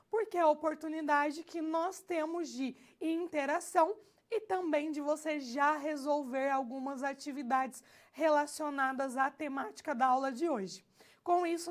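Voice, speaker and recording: A Brazilian woman with a high voice delivers a recorded lecture. She speaks slowly and deliberately and stresses key phrases. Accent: Brazilian Portuguese. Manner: slow, explanatory, repeats key phrases. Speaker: teacher.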